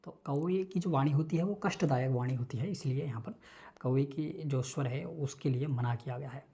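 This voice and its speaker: A man giving an online lecture, explaining each term slowly with many repetitions and check-ins. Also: medium pitch, creaky, dark tone. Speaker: Sanskrit teacher.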